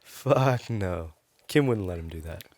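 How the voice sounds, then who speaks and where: A man's voice: low-pitched, animated, measured pace, darkish tone, dry recording. A man in casual podcast chat, rambling, profane and opinionated on a close mic.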